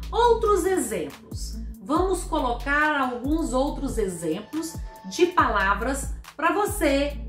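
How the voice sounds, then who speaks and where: A woman teaches a grammar lesson in a bright, high, animated voice that swoops through questions to her viewers. She talks at an unhurried pace, breaking words into syllables with care. The sound is roomy, with faint music underneath. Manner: patient, asks the viewer questions, spells syllables slowly.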